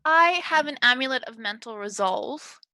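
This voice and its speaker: A woman playing a tabletop game, bantering casually in and out of character with exclamatory, animated delivery. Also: high voice, normal speed, no room sound.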